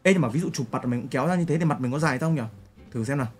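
A man's voice: medium pitch, racing, faint music behind. A young man streaming, chatting casually with viewers in a brash, joking way full of crude slang while he reacts to photos and clips.

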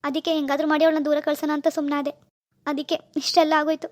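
A woman's voice: very fast, natural voice. A woman voicing a remorseful cartoon husband who begs his wife's forgiveness in a pleading, apologetic way. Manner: pleading, apologetic, flat pitch. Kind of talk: cartoon voice acting.

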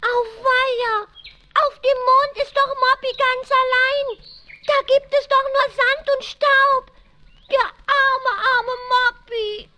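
A woman voicing a fretful, scolding little female duckling, squeaky and quacking, in a children's audio play. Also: flat delivery, takes it slowly, sharp tone, full character voice. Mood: sad. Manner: whiny, scolding. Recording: faintly noisy old record.

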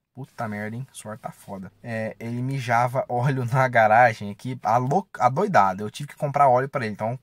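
Sitting in his parked car, a car vlogger in his 20s talks informally, slangy and mildly profane. The camera or phone is at arm's length, and his medium-pitched voice comes through dry and studio quality.

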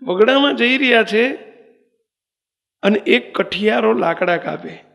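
A man's voice: sits high, expressive, measured pace, vocal fry, a bit bright. A male swami giving a sermon, telling a parable and asking the audience rhetorical questions, in a temple hall. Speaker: swami preaching. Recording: long reverb of a temple hall.

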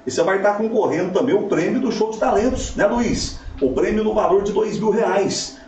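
A man in his thirties hosting a live show in a casual way, giving shout-outs. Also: high voice, fairly quick. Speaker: TV show host. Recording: echoey, distant mic, faint noise.

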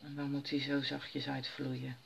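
A woman's voice: rumbling low, monotone, unhurried, gravelly, slight background noise. A woman at home giving a casual crafting tutorial, chatting herself through each step as she works. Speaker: crafter demonstrating stamping. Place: at home while her children sleep.

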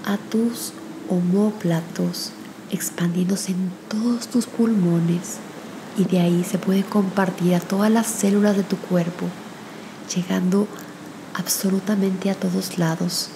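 Over a noisy background, a woman leads a guided meditation and prayer in a soft, gentle, soothing way. Her medium-pitched voice stays steady, with long pauses between phrases.

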